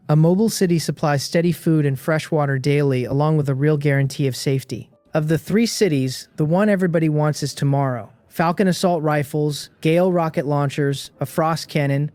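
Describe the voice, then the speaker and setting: A man narrating a first-person adventure story in a steady, even, scripted delivery. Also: on the high side, no room sound.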